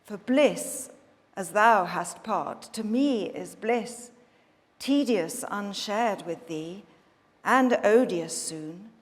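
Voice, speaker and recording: A woman voicing Eve, the first woman, eager and persuasive, in a measured dramatic verse reading. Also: medium pitch, expressive. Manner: measured, earnest verse delivery. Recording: long hall reverb.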